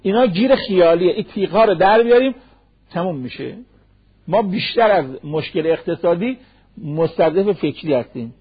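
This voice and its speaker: A man with a husky voice pitched high preaches a sermon. He drops into a slow recitation for Arabic verses and fires off rhetorical questions. The sound is dull and lo-fi, like an old radio broadcast. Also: lively intonation. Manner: rhetorical questions, acts out imagined speakers. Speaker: cleric. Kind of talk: sermon on marriage.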